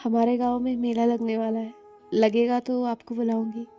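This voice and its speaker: A woman reading the lines of a sweet, admiring village girl in a storybook, earnest and gentle. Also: a little high, completely flat delivery, normal speed, soft background music, close to an everyday voice.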